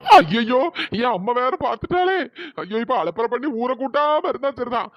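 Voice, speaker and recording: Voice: medium pitch, big pitch swings, brisk, no echo, muffled recording. A performer voicing a timid, stammering, henpecked husband in a cartoon. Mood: fretful pleading. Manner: stammering, pleading. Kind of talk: cartoon voice acting.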